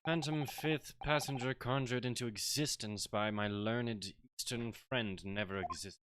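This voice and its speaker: A man voicing a haughty, cold prosecutor in a pompous, measured, theatrical way for a video game dub. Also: mid-range voice, background noise, natural voice. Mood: disdainful. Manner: pompous, measured, ornate delivery.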